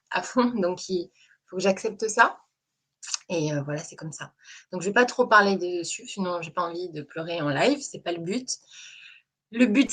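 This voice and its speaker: A woman hosting a live stream, talking in a soft, hesitant way with many fillers. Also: on the low side. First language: French. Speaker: host. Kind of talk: casual live-stream chat.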